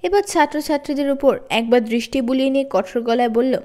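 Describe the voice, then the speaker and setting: A woman reads a family story aloud for children. Her voice sits high, and her delivery is even and expressive. She keeps a calm, steady storytelling pace. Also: fairly quick. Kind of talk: read-aloud story narration.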